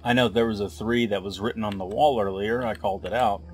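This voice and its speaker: A man's voice: lowish voice, fairly even intonation, quick pace. A man giving a let's play commentary, thinking aloud as he puzzles through a game and drops wry asides, with game music behind him. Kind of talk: gameplay commentary.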